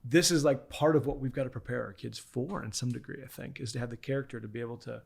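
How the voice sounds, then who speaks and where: A man in his forties, a pastor talking as a guest on a podcast, telling stories earnestly with frequent restarts and soft asides. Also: mid-range voice, fast talker, creaky, husky. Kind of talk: casual interview chat.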